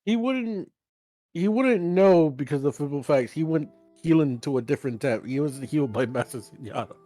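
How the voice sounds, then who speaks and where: Male player, slightly high voice, jokey and casual, faint music. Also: animated, normal speed, dark tone, no echo. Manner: jokey, talks while eating. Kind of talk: casual chat during a tabletop game.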